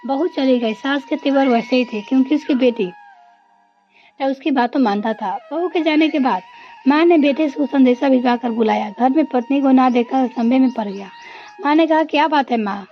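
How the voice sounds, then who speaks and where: A woman's voice: sits high, moderate pace. A woman narrating a family story and reading every character's lines in her own voice. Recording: dull lo-fi audio with faint music.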